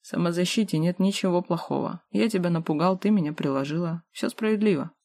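A woman's voice: fairly low pitch, fast, mellow, dry recording, studio quality. A woman voicing a big, cheeky man who has lived for centuries, brash and mocking, in an audiobook. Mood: teasing.

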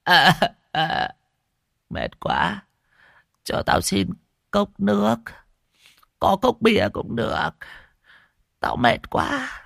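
A man's voice: sits high, huge pitch swings, drawn-out words, pauses often, fairly bright tone, no room sound, studio quality, voice pushed up, heavily acted. A man voicing a scrawny, panicky old man who whines and grumbles. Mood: grumbling. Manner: whiny, grumbling, gravelly.

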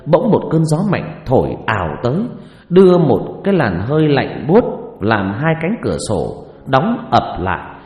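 A man's voice: medium pitch, huge pitch swings, a little slow, darkish tone. Give me a male storyteller reading a suspenseful ghost story in a roomy, echoey recording. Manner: dramatic, suspenseful delivery. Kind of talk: scripted ghost-story narration. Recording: echoey reverb with faint music.

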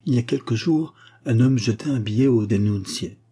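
A man voicing an excitable, loyal male dwarf servant who talks in a breathless, pleading way. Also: medium pitch, moderate pace, husky, close to an everyday voice. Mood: urgent.

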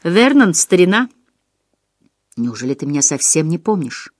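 A decisive, friendly man, as a woman reader puts him on, talking in a firm, reassuring way. The voice stays low with lively turns of pitch. The recording is dry. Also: moderate pace, no room sound.

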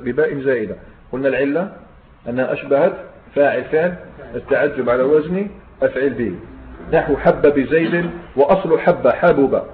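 Algerian sheikh teaching in an echoey hall. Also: male voice, mid-range voice, slight background noise. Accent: Algerian Arabic. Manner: explains step by step, often asks students "understood?". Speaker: Islamic scholar teaching grammar. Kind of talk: classroom lesson on Arabic grammar. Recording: echoey room on a tinny, phone-like line.

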